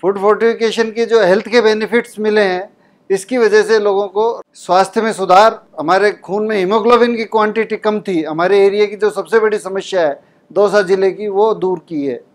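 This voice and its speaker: A flour mill operator speaks earnestly in an interview. His voice is noticeably high for a man. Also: steady tone, normal speed.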